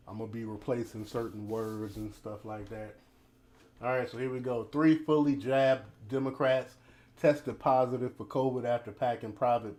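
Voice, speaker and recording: With a storm and ambient noise in the background, this American host of a casual, laid-back news commentary livestream speaks in a mid-range, slightly mellow voice. A teeth grill impedes his speech a little.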